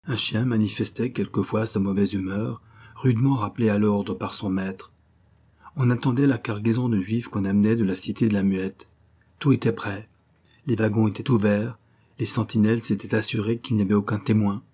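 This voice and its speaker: A man narrating an audiobook in a measured, grave storytelling manner. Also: on the low side, fairly even intonation, dark tone, husky. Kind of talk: scripted narration.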